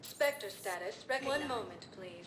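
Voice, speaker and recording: A woman voicing a calm female computer that announces elevator stops over a speaker, in measured, even tones in a video game. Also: mid-range voice. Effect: station announcement speaker voice. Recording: echoey game audio over clear music.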